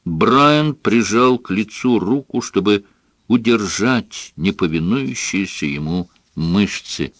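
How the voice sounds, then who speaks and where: A man narrating an audiobook in a dramatic, expressive reading. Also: lowish voice, takes it slowly, no echo. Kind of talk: scripted narration.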